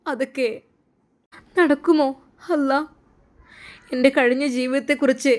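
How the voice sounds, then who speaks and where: A woman's voice: high voice, pitched above the performer's own voice, natural voice. A woman voicing a young remorseful mother who prays tearfully and pleads for forgiveness.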